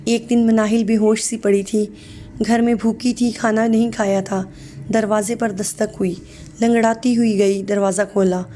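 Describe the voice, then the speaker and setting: A woman's voice: fairly high pitch, level tone, warm tone, a little hiss or hum. A woman reading a sad story aloud as scripted narration, voicing every part in one plain voice.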